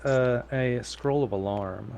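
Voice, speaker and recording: A man's voice: mid-range voice, slow pace, creaky, a little mellow, a little hiss or hum. A man playing a tabletop game, chatting casually with tentative, hesitant phrasing.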